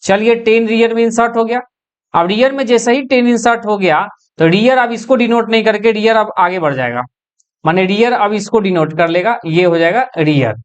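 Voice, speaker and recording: A woman's voice: medium pitch, normal speed, highs cut off. A woman teaching an exam-prep computer science lecture, explaining step by step and mixing English technical terms into her speech. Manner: explains step by step, asks and answers own questions.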